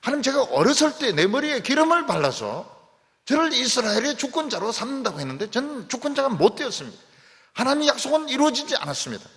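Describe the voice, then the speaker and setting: A man putting on a desperate young David, pleading in a high, raised voice. The voice leaps up and down in pitch. A long hall echo trails behind it. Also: very animated, fast, fairly bright tone, full character voice. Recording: long church hall reverb.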